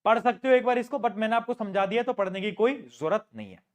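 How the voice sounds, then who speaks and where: A man's voice: sits high, lively intonation, fast talker. A young male teacher giving a live science lesson, playful and teasing, repeating key questions and answers and mixing English terms into his talk. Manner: playful, teasing, addresses students as beta; mixes English terms into Hindi.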